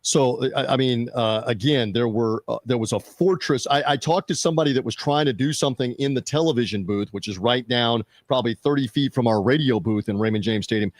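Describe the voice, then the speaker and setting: A man hosting a sports media podcast, chatting casually with fillers and quick restarts. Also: mid-range voice, no echo, studio quality. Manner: conversational, fillers and restarts, reads out show plugs.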